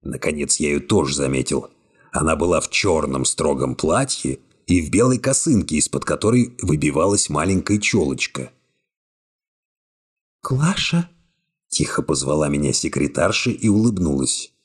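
A man reading an audiobook aloud in scripted narration, with a wry, expressive storytelling manner. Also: rumbling low, moderate pace, slightly rough.

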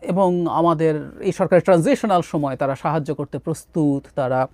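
A man from Bangladesh gives solo political commentary, animated, with frequent "ah" fillers and English phrases. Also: a little high, normal speed, dry recording.

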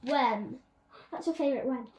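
Sitting on her bed, a young girl reads a children's picture book aloud and breaks off for chatty asides. Her voice is high, a little mellow and at a normal pace, captured by a phone camera on a stand in an echoey bedroom.

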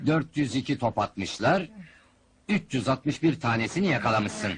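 A man's voice: mid-range voice, lively intonation, normal speed, very noisy, lightly acted. An actor playing a stingy, scheming showman boss in a 1970s film comedy, talking like a brash huckster and barking sales patter at the crowd. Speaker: fairground penalty-game boss.

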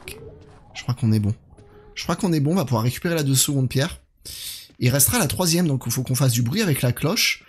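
A man's voice: medium pitch, animated, fairly quick, a little hiss or hum. A man doing casual live commentary on a horror game while chatting with his viewers.

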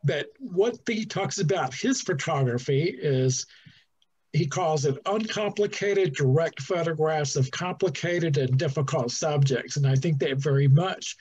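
A middle-aged man from New Jersey, a museum docent giving a relaxed, chatty guided talk over a video call, with fillers and restarts. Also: on the high side, a little slow, breathy edge. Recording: dull lo-fi video call audio.

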